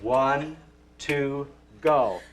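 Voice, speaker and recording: A man's voice: medium pitch, drawn-out words. A man directing someone casually, coaxing and joking. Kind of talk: casual instruction. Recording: noisy room recording.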